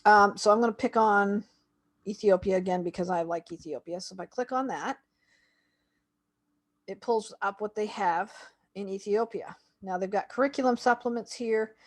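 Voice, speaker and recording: A Canadian woman with a mid-range voice talks at a normal speed while reviewing a homeschool website in a screen-share walkthrough. She clicks through it casually, thinking out loud as she goes.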